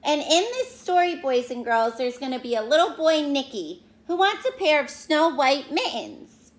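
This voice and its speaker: Young children hear a picture book read aloud by a woman with a high voice. Her delivery is animated and teacher-like, punctuated by pauses for explanation and questions.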